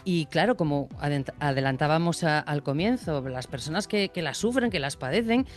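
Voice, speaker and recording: Host, middle pitch, welcoming and formal, light music underneath. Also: animated, moderate pace. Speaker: podcast host. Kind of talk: scripted introduction and casual interview.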